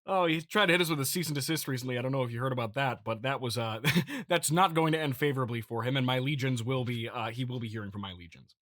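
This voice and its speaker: A male comedy host with a bright, forceful, mid-range voice plays a smug, petty, self-important billionaire CEO boasting to investors. In a dry recording, he improvises a mock-corporate address, mock-pompous, halting and rambling, repeating phrases.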